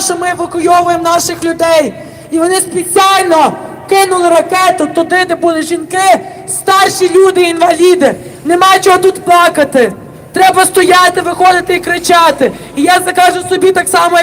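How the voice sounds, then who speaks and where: A woman from Ukraine with a Ukrainian accent, giving an impassioned shouted speech at an outdoor street protest. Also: very high voice, a little hiss or hum, low-quality recording. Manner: impassioned, shouting slogans and appeals. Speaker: protest speaker. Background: faint crowd.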